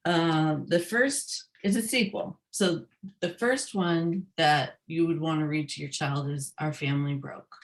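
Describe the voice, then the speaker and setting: A woman's voice: low voice, measured pace, poor audio. A woman reading her children's book aloud on a video call, adding short explaining asides.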